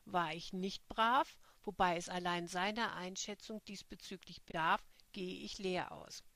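A woman's voice: lowish voice, fairly even intonation, a little slow, fairly bright tone, dry recording. Woman reading as a brazen young woman, frank and unashamed, dry close sound. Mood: explaining. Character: bold young woman confessing kinky secrets.

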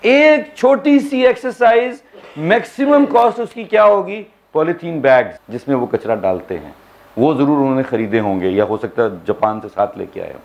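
A man's voice: medium pitch, animated, moderate pace, gravelly, lo-fi sound. A man leading a university workshop, speaking emphatically, asking rhetorical questions and mixing in English phrases. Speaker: workshop trainer. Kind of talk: workshop lecture. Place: university seminar hall.

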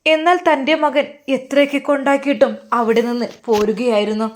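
A woman's voice: high-pitched, a little fast. A woman narrating an emotional story expressively.

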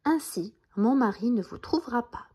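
Kind ogre wife from a bedtime story, lady doing the voice, warm and a bit breathy. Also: a little high, lively intonation, moderate pace. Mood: kindly. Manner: soft storybook telling. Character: kindly ogre's wife, protective.

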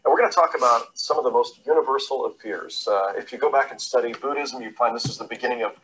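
A man's voice: mid-range voice, quick pace, fairly bright tone, slight background noise, low-quality recording. A man presenting a video study course in a prepared teaching talk.

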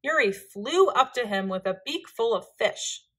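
A woman reading a children's picture book aloud, with gentle, expressive narration. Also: fairly high pitch, unhurried, breathy edge. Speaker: storyteller.

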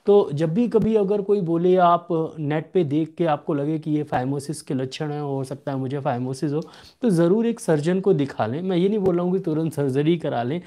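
Speaking a little high, a young male homeopath answers viewer questions live, steady and instructive throughout. He slows down to read each question aloud. He's recorded by a desk webcam in a small home room.

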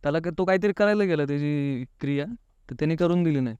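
A man's voice: a little high, fast talker, darkish tone, clean tone, no echo, highs cut off. A man recounting a personal experience as an interview guest, chatty, acting out what people said and dropping in a constant filler phrase. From Pune, India. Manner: talkative, keeps adding the filler "नाही का"; often acts out quoted dialogue. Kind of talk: casual interview storytelling.

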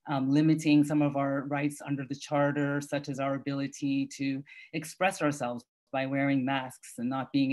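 A middle-aged woman from Canada introducing herself as an independent candidate over a video call, deliberate and concerned with frequent pauses. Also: low voice, darkish tone.

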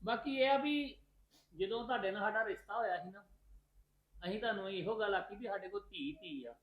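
An actor plays a calm, dignified middle-aged father who explains himself in measured speech. The voice sits at a middling pitch and the room sounds echoey. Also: highs cut off, natural voice. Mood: earnest. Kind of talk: amateur family drama acting.

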